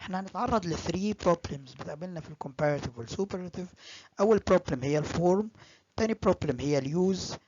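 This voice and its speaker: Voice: mid-range voice, animated, a little mellow, no echo. Egyptian accent english teacher doing a recorded grammar lecture, mixes arabic and english, repeats examples, muffled dry audio. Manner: repeats examples slowly and often; switches between Arabic and English.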